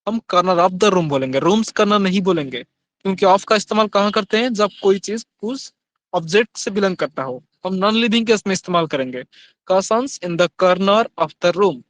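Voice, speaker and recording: A man gives a grammar lesson in a fairly high voice. He reads the example phrases slowly and then explains them quickly in Hindi, questioning his students as he goes. The sound is dry and close. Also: expressive, fairly bright tone, dry recording. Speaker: English grammar teacher.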